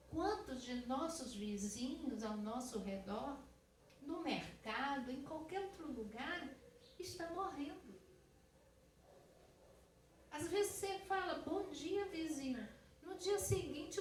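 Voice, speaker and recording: A woman missionary with a Brazilian Portuguese accent, sharing a testimony in a high, clear voice. She talks to the congregation directly, in an easy, conversational way. She is recorded from some distance in an echoey church hall with a faint hum behind her. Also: takes it slowly, long pauses. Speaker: missionary preacher. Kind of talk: sermon testimony.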